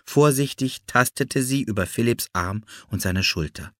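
A man narrating a children's audiobook with an expressive storytelling cadence. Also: medium pitch, moderate pace, no echo, clean studio sound. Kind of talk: scripted narration.

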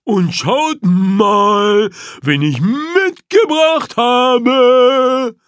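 A man's voice: extremely high pitch, big pitch swings, drawn-out words, darkish tone, no echo, clean studio sound, voice pushed up, full character voice. A man voicing a cheerful, unflappable gnu with a chirpy sing-song manner in a children's audiobook. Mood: cheeky. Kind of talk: audiobook character voice.

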